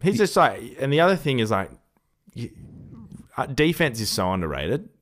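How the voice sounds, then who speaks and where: A man's voice: medium pitch, very animated, moderate pace, a bit bright. A man with an Australian accent in a casual sports chat, giving blunt, slangy opinions. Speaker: podcast co-host giving opinions.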